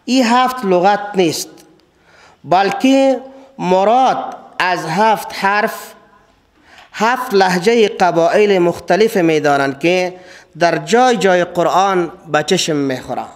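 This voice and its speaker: High-voiced Afghan Dari lecturer. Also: male voice. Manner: repeats key words, stresses phrases by rising; slow, deliberate listing. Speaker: religious teacher. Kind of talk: classroom Quran lecture.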